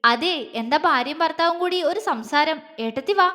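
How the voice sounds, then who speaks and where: A woman's voice: high-pitched, animated, moderate pace, bright, forceful tone, long reverb tail. A woman voicing a playful, pouty young woman who teases and insists, in a story reading. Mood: teasing. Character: teasing, pouting young woman, playful sister-in-law.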